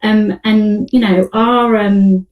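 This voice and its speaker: A woman's voice: medium pitch, steady tone, slow pace, reverberant, recorded from a distance, phone-quality sound. A woman in her forties speaking as a panelist in a casual online talk, conversational and full of "you know". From United Kingdom. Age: 40s.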